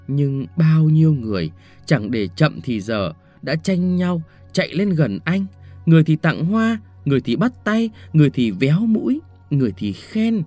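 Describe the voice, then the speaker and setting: Male audiobook narrator: lively, melodic delivery, warm mellow tone, faint music underneath. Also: mid-range voice, no echo. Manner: expressive storytelling, shifting tone with the scene. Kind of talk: scripted story narration.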